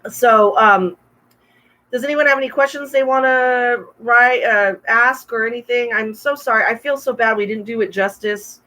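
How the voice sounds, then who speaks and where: A woman co-hosting a casual livestream chat, bubbly and quick to laugh, with a bit of a cough. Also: a little high, bright, forceful tone, rough recording. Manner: bubbly, laughs often, chatty with viewers. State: coughing, throat trouble. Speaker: podcast co-host. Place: home room, livestream with wine.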